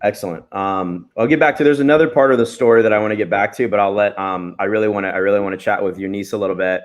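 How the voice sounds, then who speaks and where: A man with a lowish voice moderating a business panel. He is enthusiastic and sets up long, wordy questions for the panelists. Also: fast.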